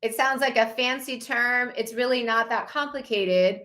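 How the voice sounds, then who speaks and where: Presenting slides to a challenge group, a wellness coach in her fifties sounds enthusiastic and promotional. Her voice is on the high side, pushed and bright, and her delivery is slow and deliberate.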